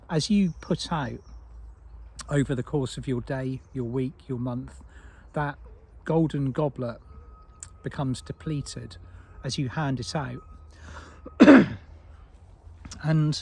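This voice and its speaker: A man giving an unscripted spiritual talk as a teacher, soft and meandering with frequent restarts. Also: medium pitch, slightly rough.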